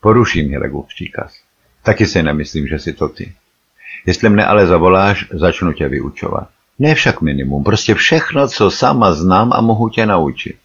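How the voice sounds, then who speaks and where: A man voicing a curt, hurried young woman guide in an audiobook. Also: low-pitched, expressive, fairly bright tone, breathy edge, lo-fi sound, full character voice. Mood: urgent.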